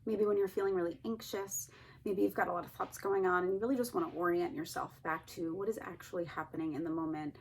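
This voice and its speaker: A woman therapist calmly and gently guiding listeners through a grounding exercise. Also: lowish voice, quick pace, slight background noise. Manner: calm, gently instructing. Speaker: therapist teaching a technique. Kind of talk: calm guided grounding exercise.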